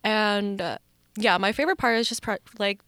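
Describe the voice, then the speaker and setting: A woman's voice: medium pitch, moderate pace, fairly bright tone, clear, resonant tone, no echo. A young woman from Canada hosting a casual campus radio chat, upbeat and full of filler words. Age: young adult. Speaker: podcast host.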